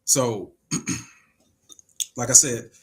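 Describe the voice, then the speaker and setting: A man's voice: mid-range voice, drawn-out words. A man in his forties hosting a casual livestream podcast, reading comments aloud and arguing his point with emphasis and rhetorical questions. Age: 40s. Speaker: podcast host.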